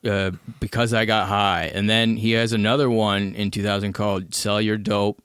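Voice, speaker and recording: A man in his late thirties with a lowish voice rambles through a crude, jokey recap in casual podcast chat. The sound is dry and close, with no room around it. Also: flat delivery, moderate pace, a bit bright, clean tone, no echo. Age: 30s. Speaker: podcast co-host.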